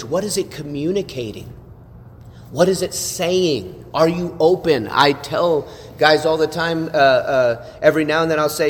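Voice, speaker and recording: A man preaches to a class in an animated teaching voice, stacking up rhetorical questions. His voice carries with a long reverb in the room, and a faint hiss sits behind it. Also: a little high. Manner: animated, asks rhetorical questions, frequent "right?". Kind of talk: sermon-style teaching.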